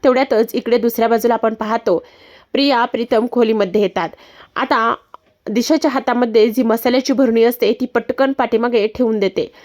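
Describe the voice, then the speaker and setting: A woman narrating a TV serial recap in a brisk storytelling manner, reading out the characters' lines. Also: steady tone, darkish tone. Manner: brisk storytelling, raises pitch and volume for quoted dialogue.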